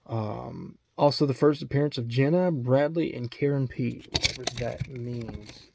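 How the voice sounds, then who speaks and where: A man's voice: mid-range voice, a little slow, gravelly, noisy background. A man with an Alabama accent talks casually about his comic book collection, rambling with lots of ums and restarts. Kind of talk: casual video chat.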